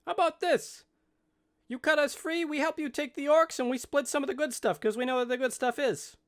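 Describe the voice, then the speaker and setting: A man's voice: very high-pitched, steady tone, brisk, a bit bright, voice pushed up. A man voicing a scheming male halfling captive who bargains to be cut free. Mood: bargaining.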